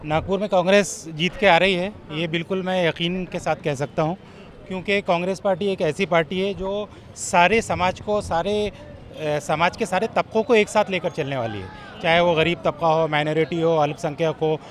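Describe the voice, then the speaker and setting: A man's voice: high-pitched, moderate pace. A man interviewed on a city street, speaking emphatically like a speech and throwing accusing questions. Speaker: local supporter interviewed on the street.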